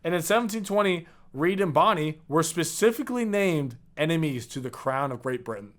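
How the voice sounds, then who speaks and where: A man's voice: fairly high pitch, expressive, a little fast, a bit bright. A young man co-hosting a podcast, telling pirate history in a chatty, storytelling way with frequent restarts. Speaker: podcast co-host. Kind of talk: casual history chat.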